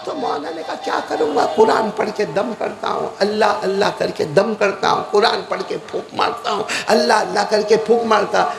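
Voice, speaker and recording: Man preaching, high-pitched, gravelly, dramatic loud and soft swings, crowd call-outs. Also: hardly any pauses. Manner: dramatic, swings from loud exclamations to low asides, calls on the crowd to respond. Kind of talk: Urdu religious sermon with storytelling.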